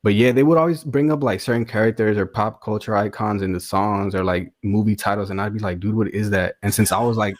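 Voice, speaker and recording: A man in his twenties, a rapper and music producer, guests on a podcast and tells stories in a casual chat. His voice sits on the low side and he talks fast with hardly any pauses, using heavy slang and saying "bro" and "dude" a lot. The sound is clean studio audio with no echo.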